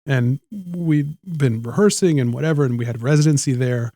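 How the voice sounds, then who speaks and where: A man guest in a casual interview, telling animated anecdotes with lots of restarts and little acted-out quotes. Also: medium pitch, normal speed, no echo. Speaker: guest, noh theatre performer.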